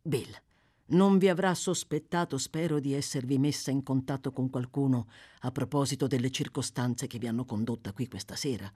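A woman voicing a frightened young woman of the streets, speaking in an urgent, bitter hush. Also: a bass voice, normal speed, slightly rough, voice pushed down. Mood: tense.

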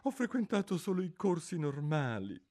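A man reading an audiobook, voicing a mournful, sighing old Mock Turtle in a slow, plaintive, wavering way. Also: fairly high pitch, very animated, darkish tone, pitched above the performer's own voice. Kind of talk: audiobook character voice.

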